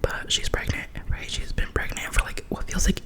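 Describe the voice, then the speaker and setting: Keeping a moderate pace, a young woman whispers an animated, dramatic retelling as a gossipy ASMR storytime. Her chatty delivery is full of casual slang.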